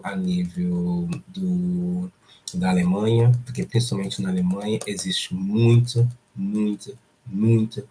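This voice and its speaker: A man's voice: low-pitched, warm tone, a little hiss or hum. A man from Brazil with a Brazilian Portuguese accent, hosting a casual live stream and stressing points by repeating words. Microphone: streaming setup.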